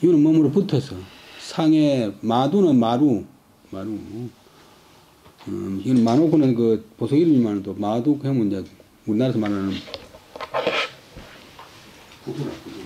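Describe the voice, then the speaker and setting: Man with a dark mellow voice, lecturing. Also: mid-range voice, dull audio, slight background noise. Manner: explains word by word, repeating terms, slow chanted reading of the original text. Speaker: classical Chinese lecturer. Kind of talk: lecture reading and explaining classical Chinese text.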